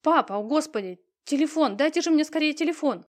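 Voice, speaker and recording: A woman voicing a frantic, emotional young heiress in an audiobook, talking loud and high-strung. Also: brisk, close to an everyday voice.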